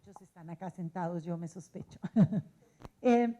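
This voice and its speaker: A woman's voice: on the low side, normal speed, warm tone. Colombian woman moderating a panel. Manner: conversational, posing questions. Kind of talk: panel discussion.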